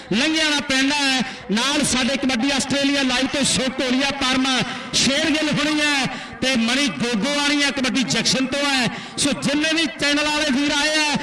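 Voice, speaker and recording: High-pitched Punjabi man commentating, echoing PA. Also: pushed and bright. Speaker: kabaddi commentator. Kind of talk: live sports commentary and announcements. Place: outdoor kabaddi tournament ground. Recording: echoing outdoor PA system.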